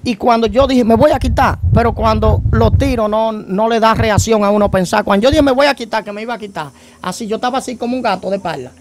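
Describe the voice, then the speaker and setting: A man's voice: sits high, fast talker, few pauses, a little hiss or hum. A man gives his church testimony as a former gang member. He tells his story vividly, acts out each moment and keeps breaking in with short praise phrases.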